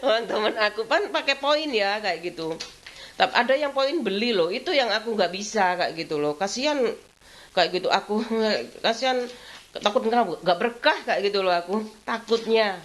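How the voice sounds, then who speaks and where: A woman's voice: mid-range voice, expressive, normal speed. Woman rambling in vlog. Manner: rambling, frequent laughter, repeats "kayak gitu". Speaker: vlogger. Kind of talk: casual chatty vlog.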